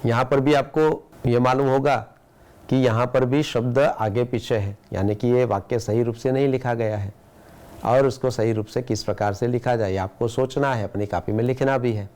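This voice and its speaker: A man with an Indian accent teaching a school language lesson, explaining patiently and reading example sentences slowly and deliberately. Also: mid-range voice, steady tone, darkish tone. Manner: explains patiently, with rhetorical questions. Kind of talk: classroom lesson for students.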